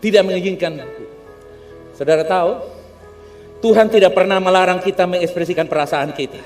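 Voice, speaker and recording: High-voiced animated preacher. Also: male voice, brisk. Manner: humorous, animated, asks the congregation for responses. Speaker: pastor. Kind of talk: sermon. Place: church hall. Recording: long church hall reverb with faint music.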